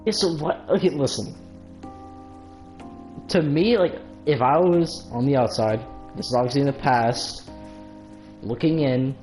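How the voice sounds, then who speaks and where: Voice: mid-range voice, a little slow, pauses often, a little mellow, soft background music. A game streamer giving casual, blunt and sarcastic commentary while playing. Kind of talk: casual live gameplay commentary.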